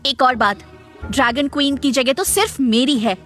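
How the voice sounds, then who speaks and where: A woman's voice: high-pitched, moderate pace, fairly bright tone, faint music behind. A woman voicing a jealous, cruel Phoenix goddess in a dubbed fantasy drama, arrogant and mocking. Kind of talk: Hindi dub of a fantasy drama.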